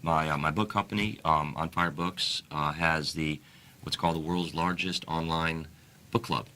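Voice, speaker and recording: A man speaking as a guest author in an interview, earnest and halting, often restarting his sentences. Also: a bass voice, fairly even intonation, sharp tone. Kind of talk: interview talk.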